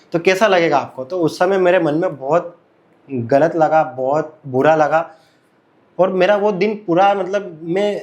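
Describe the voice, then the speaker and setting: A man casually telling a personal story, repeating his phrases and speaking conversationally with fillers. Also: fairly high pitch.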